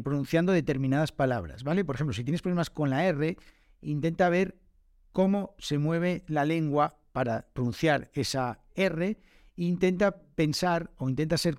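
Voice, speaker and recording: A man's voice: fairly high pitch, darkish tone, no room sound, studio quality. A man, hosting a casual podcast and answering listener questions in an informal, chatty way with fillers and self-corrections. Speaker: podcast host and Spanish teacher.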